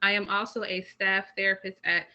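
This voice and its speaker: Casting: confident, playful woman guest, very bright tone, dull lo-fi call audio. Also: medium pitch, little pitch movement, fairly quick. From Buffalo, New York. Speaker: guest, mental health counselor. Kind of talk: casual interview over video call. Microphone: video call.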